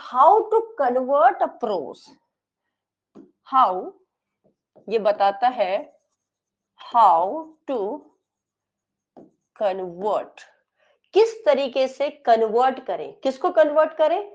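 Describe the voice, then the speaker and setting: A woman teacher with a fairly high voice who dictates at a very slow, deliberate pace. She stretches English phrases out word by word, then explains them in quicker Hindi. The recording is a bit dull and lo-fi. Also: lively intonation. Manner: explains in quick Hindi with frequent checks like "ठीक है?". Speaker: English exam lecturer. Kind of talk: classroom lecture mixing Hindi and English.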